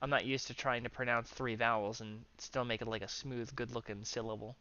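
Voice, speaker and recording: Easygoing male host with a bright tone, lo-fi muffled voice-chat mic. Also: medium pitch, little pitch movement, a little fast, clean tone. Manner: chuckling, easygoing. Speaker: channel host. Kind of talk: casual voice chat.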